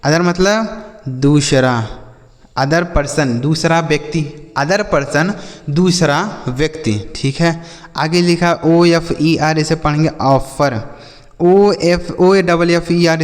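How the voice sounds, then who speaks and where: A man teaching English vocabulary, spelling each word letter by letter and repeating its meaning, often asking a question and then answering it himself. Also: on the high side. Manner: repetitive, asks and answers his own questions. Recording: long hall reverb.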